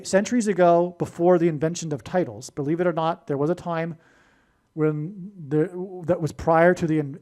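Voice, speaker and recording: A man's voice: fairly high pitch, darkish tone. A man delivering a rambling solo monologue, full of digressions and restarts. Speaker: prophecy video host.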